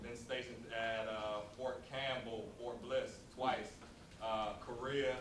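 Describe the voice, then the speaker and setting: A man from Maryland with a medium-pitched voice introduces himself to a group. He is distant from the mic in an echoey room with loud noise. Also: flat delivery, takes it slowly. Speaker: army sergeant and recruiter.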